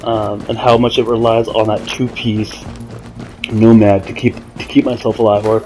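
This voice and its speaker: A gaming video maker offers casual commentary on his gameplay, explaining things hesitantly and correcting himself along the way. His voice is lowish and a little mellow, with flat delivery at normal speed, heard over faint game music and gunfire.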